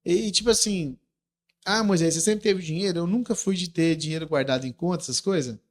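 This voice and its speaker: A man with a Brazilian Portuguese accent, a podcast guest in casual chat, telling personal stories in an earnest, lively way. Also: high voice, fairly quick. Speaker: podcast guest, entrepreneur and rancher.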